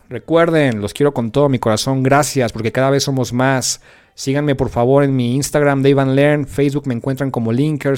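A man's voice: medium pitch, a little mellow. A man with a Mexican accent hosting a casual English lesson podcast, playful and full of slang and joking asides. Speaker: English teacher and podcast host.

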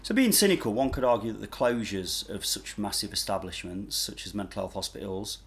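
A man talks through his views in a relaxed chat, often restarting his sentences. His voice sits somewhat low. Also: a little fast. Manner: hesitant, restarts often, opinionated. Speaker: podcast co-host, former mental health worker. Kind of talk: casual chat.

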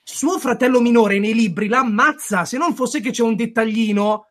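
A man co-hosting a podcast, arguing his point in a heated, animated way and swearing now and then. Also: extremely high pitch, moderate pace. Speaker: podcast co-host. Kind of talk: heated casual discussion.

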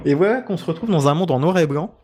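A man's voice: on the high side, animated, fast talker, darkish tone. Casual man retelling things with wry humour. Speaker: co-host of a film discussion. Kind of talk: casual comic storytelling.

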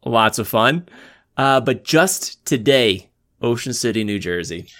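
A man co-hosting a casual podcast chat, rambling and halting with fillers. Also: medium pitch, expressive, a bit bright. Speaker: podcast co-host.

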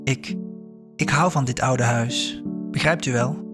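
A man reading a story aloud and voicing a sharp, proud old woman who owns a house, curt and shrill when angered. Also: unhurried, over music, lightly acted. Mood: reminiscing.

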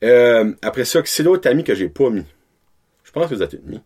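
Animated man talking hockey. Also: mid-range voice, brisk, slightly rough. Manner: lively, mixes English words into French. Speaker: podcast co-host. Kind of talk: casual hockey chat.

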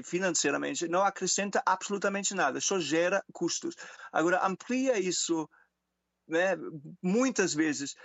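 Over a Skype call, a German man offers expert interview commentary in Portuguese, his second language, with a German accent, halting phrases, and repeated words. His fairly bright voice sits on the high side with some vocal fry, and the audio is dull but free of echo.

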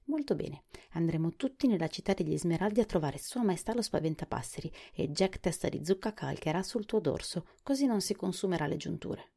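A woman voicing a clever, practical young boy in a storybook, giving brisk instructions in a raised, husky voice. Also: lowish voice, lively intonation, warm tone, pitched above the performer's own voice, heavily acted. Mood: instructive.

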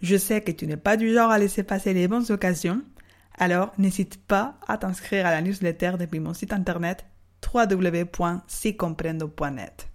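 A woman teaching Spanish on a podcast lesson, speaking slowly and drawing out model words for the listener to repeat. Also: on the low side. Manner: slow, carefully spelled-out model words for repeating.

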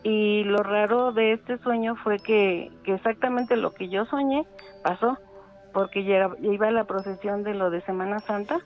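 A middle-aged woman, calling in to tell a ghost story in a halting way with many fillers, over a phone line. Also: medium pitch, faint music behind. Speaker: caller telling a ghost story.

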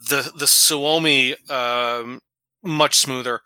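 A man from New York co-hosting a podcast, his voice very bright and sharp against a dry, close sound. He talks with eager enthusiasm and rambles through restarts as he explains. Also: medium pitch, fairly even intonation, takes it slowly, smooth, dry recording. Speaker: podcast co-host. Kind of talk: casual podcast chat.

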